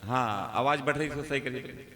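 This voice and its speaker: A man's voice: mid-range voice, a little fast, bright, forceful tone, roomy sound, big-room sound. A male preacher at a devotional gathering, calling out chants while his microphone clips and distorts. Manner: calls out chants to the audience, then directs the sound crew. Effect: clipping, distorted mic sound. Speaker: Bhagavat katha preacher.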